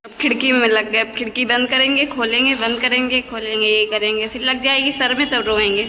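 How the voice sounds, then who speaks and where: A woman's voice: a little high, fairly even intonation, a little fast, pushed and bright, big-room sound, a little hiss or hum, rough recording. A woman casually narrating a home vlog of her toddler, chatting to viewers and cooing at the baby. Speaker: vlogger filming her toddler. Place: home, indoors.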